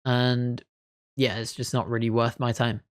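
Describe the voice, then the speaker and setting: Male gaming commentator: casual, thinks aloud, low-key reactions. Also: level tone, measured pace, clear, resonant tone. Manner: chatty, thinks aloud while playing; mild, understated reactions. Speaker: gaming video creator.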